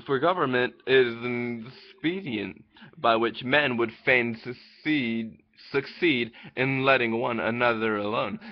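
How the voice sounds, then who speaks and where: With the high frequencies cut off, the clip captures a vlogger in his 20s reading an old essay under a speech jammer in a small room by a window. His medium-pitched voice keeps a measured pace as he stumbles, repeats words and starts over mid-word.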